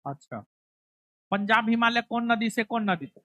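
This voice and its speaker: A woman's voice: on the high side, animated, normal speed, a bit bright, dry recording. A woman teaching a geography class, coaxing and scolding her students as she drills them. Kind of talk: classroom lecture.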